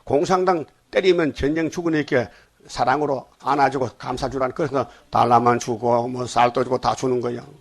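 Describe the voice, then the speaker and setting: A man's voice: medium pitch, fairly even intonation, a little fast, vocal fry. An older man preaching a dawn sermon in a blunt Gyeongsang accent, often stopping to ask the congregation questions. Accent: Gyeongsang Korean. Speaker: pastor.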